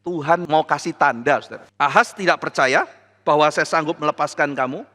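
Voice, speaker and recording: A man's voice: on the high side, brisk, pushed and bright. A man, a pastor preaching a sermon who often addresses the congregation and acts out the dialogue of the people in his story. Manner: dramatizes dialogue, voicing quoted speakers. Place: large church hall. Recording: reverberant church hall.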